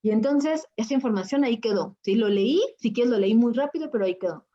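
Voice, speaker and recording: A woman's voice: a little high, fast, warm tone, highs cut off. A woman who works as a spiritual coach, telling a personal story in an interview and acting out her own past reactions.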